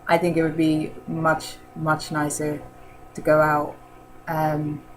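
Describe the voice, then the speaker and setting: A woman chatting casually in a rambling vlog, filling pauses with "um" and laughing often. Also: low-pitched, completely flat delivery, a little hiss or hum, poor audio. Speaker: vlogger answering model-challenge questions. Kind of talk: casual chat.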